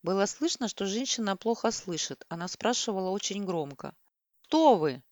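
A woman narrating an audiobook in a steady, measured reading voice of middling pitch. The recording is dry and close, with no room sound. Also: no echo. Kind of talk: scripted narration.

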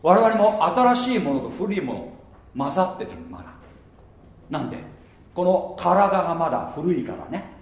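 A man preaching a sermon as pastor, lively and playful, slipping into muttered mocking asides. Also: high-pitched, moderate pace, vocal fry, echoey room. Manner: lively, mutters mocking asides and laughs at his own jokes.

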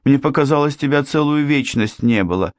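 A man voicing a frightened, weeping young woman in an audiobook, pleading in a shrill voice. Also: animated, brisk, dry recording, studio quality, lightly acted. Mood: panicked tearful. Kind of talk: audiobook character voice.

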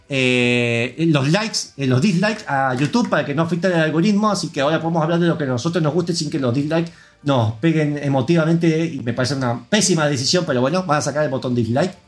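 A man with an Argentine accent hosting a podcast in casual chat, rambling and opinionated with lots of fillers. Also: a little high. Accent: Argentine Spanish. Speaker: podcast host.

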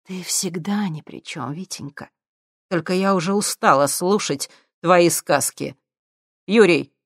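A woman reading an audiobook, voicing a cold, ruthless mother who speaks calmly and with menace. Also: fairly low pitch, vocal fry, dry recording, studio quality, pitched above the performer's own voice. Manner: calm, cold, measured.

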